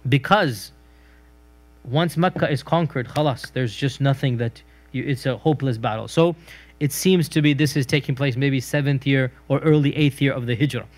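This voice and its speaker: A middle-aged man giving a recorded religious history lecture, telling stories conversationally and acting out quoted speech. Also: normal speed. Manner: storytelling, acts out quoted speech with raised pitch; conversational with fillers and restarts.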